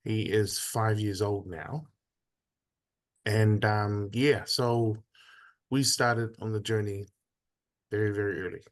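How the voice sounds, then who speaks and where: A man in his thirties, from Samoa, is a guest in a conversational interview, telling his story in a measured way with frequent pauses. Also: on the low side, steady tone.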